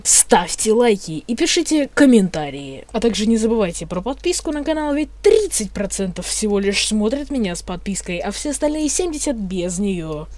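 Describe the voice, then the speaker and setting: A young male host speaks in a high, youthful voice. He delivers scripted channel talk in the manner of a video intro or outro. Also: darkish tone, no echo.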